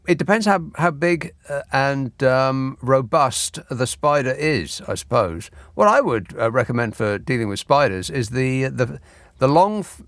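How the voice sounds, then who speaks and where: A man reads listeners' messages during a late-night radio phone-in, his mid-range voice flat and deadpan as sarcastic remarks come in close. It's a bone-dry studio microphone recording with no room sound.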